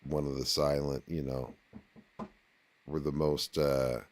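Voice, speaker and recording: A man with a remarkably deep, low voice hosts a casual chat. He talks slowly and haltingly, often repeating words before he finds the point. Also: little pitch movement, a little hiss or hum.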